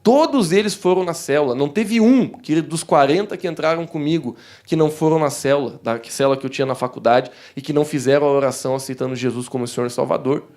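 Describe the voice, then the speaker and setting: A young Brazilian man with a southern Brazilian accent, preaching a sermon in a church in a warm, conversational way, often calling the congregation "dear ones" and acting out the voices in his stories. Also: a little high, quick pace, few pauses. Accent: southern Brazilian Portuguese. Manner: animated storytelling that acts out quoted voices. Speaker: pastor. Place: church hall.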